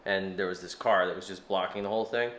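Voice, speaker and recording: A man in his thirties with a low-pitched, steady, fairly bright voice chats quickly in a casual travel vlog, shot outdoors on mountain trails and at a rental house. He's blunt, swears freely, and cracks dry jokes.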